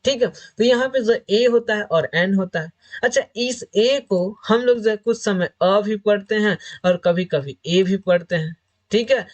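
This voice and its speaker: A male English teacher walks students through grammar for an exam, restating every rule again and again. He leans on filler phrases between points, keeping a steady teaching flow. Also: high-pitched. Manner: repetitive, explains each point several times over. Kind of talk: exam-prep grammar lesson.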